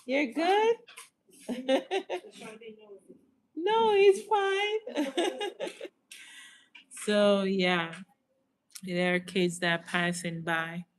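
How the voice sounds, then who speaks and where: A woman from the United States with a slight Jamaican accent hosts a casual livestream, reading viewer comments aloud and answering them. Her medium-pitched voice is very slow, with frequent pauses.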